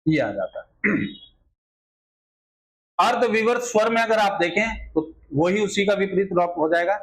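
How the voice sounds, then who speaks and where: Male grammar teacher, high-pitched, exam-prep lesson, repetitive rhetorical style. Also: lively intonation, measured pace, low-quality recording. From India. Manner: repetitive filler phrases, rhetorical questions to students.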